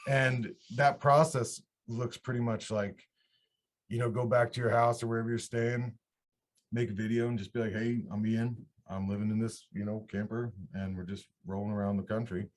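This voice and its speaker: A man in his thirties from upstate New York, a country singer-songwriter, tells his story during a casual, rambling interview. His voice sits fairly low and moves at a normal speed. He sounds relaxed and wanders, often restarting sentences halfway through.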